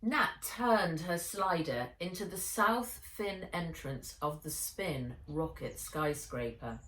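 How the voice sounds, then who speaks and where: Reading her own children's adventure story as an audiobook, the author uses a deep but fairly bright voice, slow and animated, with expressive, dramatic emphasis. The space around her is echoey.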